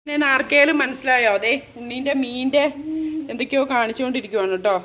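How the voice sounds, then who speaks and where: A high-pitched woman in her thirties talks in a chatty, doting way, drifting into slow teasing asides. She is a mother filming a casual family vlog at home. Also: a bit bright.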